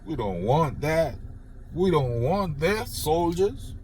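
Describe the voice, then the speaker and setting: Slowly and in a sing-song, fairly high, somewhat mellow voice, an older man from Jamaica delivers an unedited political rant into his phone. Speaking with a Jamaican accent over slight background noise, this commentator is blunt, swears freely, and mocks his targets with sarcastic praise.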